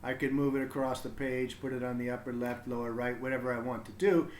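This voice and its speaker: A man reading to children on a livestream talks fast in a steady, mid-range voice, rambling casually as he works through his thoughts out loud. The audio sounds roomy and echoing.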